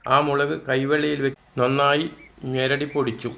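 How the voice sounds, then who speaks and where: A man's voice: medium pitch, little pitch movement, normal speed, gravelly, fairly bright tone. Man telling a childhood story. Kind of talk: first-person story narration.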